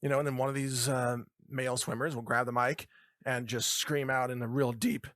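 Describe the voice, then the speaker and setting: A middle-aged man hosting a talk show, delivering an animated, mocking political monologue. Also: mid-range voice, a little fast, no room sound, studio quality. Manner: animated, mocking, puts on voices for imagined people.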